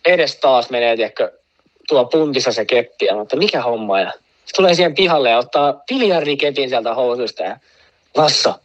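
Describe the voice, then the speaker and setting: A man's voice: mid-range voice, lively intonation, highs cut off. A man casually telling a long, rambling anecdote, full of fillers and asides. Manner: rambling, full of fillers, laughs at own story. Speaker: guest telling a story.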